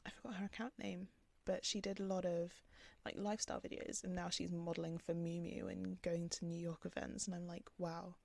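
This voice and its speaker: Speaking a little fast with few pauses, a young woman vlogs in a calm, soft, fairly low voice with a gravelly edge. Her casual talk to the camera filming her is rambling and full of fillers, especially "like." The recording is dry.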